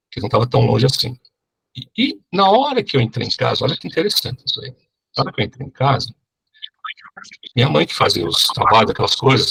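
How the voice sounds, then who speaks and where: Middle-aged são preacher, raspy gravelly voice, animated testimony. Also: male voice, medium pitch. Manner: animated storyteller, keeps asking the crowd "né?". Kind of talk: sermon testimony.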